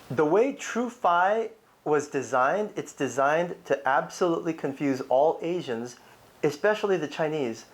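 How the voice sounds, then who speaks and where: A man hosting an urgent promotional crypto video, talking straight to the viewer in an insistent, repetitive way. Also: on the high side.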